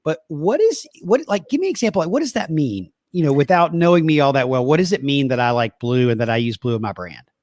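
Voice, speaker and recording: A man's voice: a little high, very animated, fast, a little mellow, no room sound, studio quality. A man with a Southern US accent hosting a podcast interview, asking curious, enthusiastic questions in a casual chat. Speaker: podcast host.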